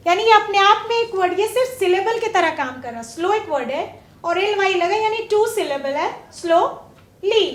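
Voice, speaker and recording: A woman with a very high voice leads a classroom lesson. She questions her pupils and lingers over each example word. The room around her echoes. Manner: slow, drawn-out stress on example words; asks pupils questions and waits. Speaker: teacher. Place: studio classroom.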